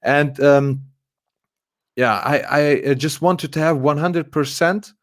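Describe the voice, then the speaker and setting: A man's voice: on the high side, slow pace. Hesitant young man. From Germany. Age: 20s. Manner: hesitant, many fillers and restarts. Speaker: interview guest. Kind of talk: casual live interview.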